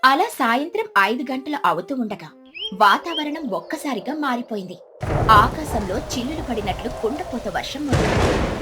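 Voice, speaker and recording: With an expressive storyteller's delivery, a woman reads a scripted children's story aloud. Her voice sits on the high side.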